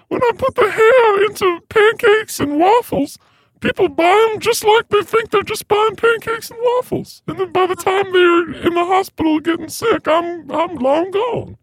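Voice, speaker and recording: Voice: a little slow, rough recording. Chipmunky formant-shifted gross old Mama. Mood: unbothered. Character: shameless, gross, scheming old mother. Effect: formant shifted, pitched-up chipmunk voice. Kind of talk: improvised comedy sketch.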